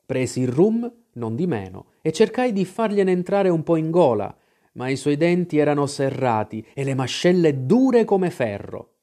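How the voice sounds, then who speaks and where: Expressive man reading a storybook aloud. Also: a little high, normal speed. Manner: dramatic storytelling delivery. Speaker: audiobook reader. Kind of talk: scripted narration.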